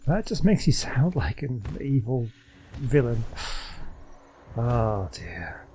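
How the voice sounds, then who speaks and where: A man's voice: mid-range voice, sing-song, slow, warm tone, slight background noise. A man streaming a game with casual, rambling commentary, muttering his reactions as he plays. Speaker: gaming streamer.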